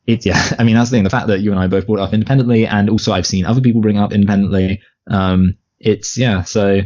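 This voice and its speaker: A man's voice: on the low side, fairly even intonation, quick pace, a little mellow. A man co-hosting a movie podcast in casual chat, rambling with many restarts and fillers. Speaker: podcast co-host. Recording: dull lo-fi podcast audio.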